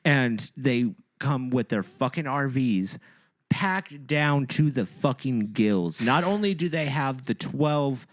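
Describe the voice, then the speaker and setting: A man's voice: medium pitch, slow pace, no room sound, studio quality. A man co-hosting a casual podcast, ranting with lots of swearing in an exasperated way. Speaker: podcast co-host.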